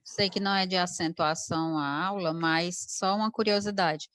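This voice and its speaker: A woman's voice: on the low side, steady tone, normal speed, a bit bright, no room sound. A woman student asking her teacher polite, hesitant questions in an online class.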